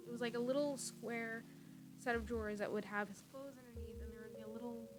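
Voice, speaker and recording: Young woman rambling on stream from her room, lots of likes and ums, laughs a lot, music going in the background. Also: on the high side. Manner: chatty, giggly, many fillers and tangents. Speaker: livestreamer. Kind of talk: casual rambling storytelling. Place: at home, own room. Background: music playing.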